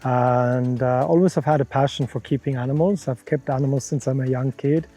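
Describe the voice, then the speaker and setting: A man's voice: mid-range voice, fairly even intonation, a little fast, dark tone, soft background music. A middle-aged man from Europe, founder of a conservation center, answering interview questions frankly and laying out worked examples.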